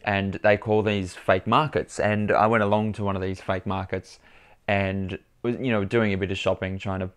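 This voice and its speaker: A man's voice: sits low, moderate pace, clean tone. Chatty young man vlogging. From Australia. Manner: chatty, animated, restarts and repeats words. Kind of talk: casual storytelling to camera.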